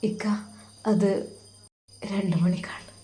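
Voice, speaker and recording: A woman voicing a heartbroken, self-sacrificing young man speaking in a hushed, sorrowful tone. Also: mid-range voice, flat delivery, slow pace, faint music behind, natural voice. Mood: grieving, hushed. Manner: hushed, sorrowful inner monologue.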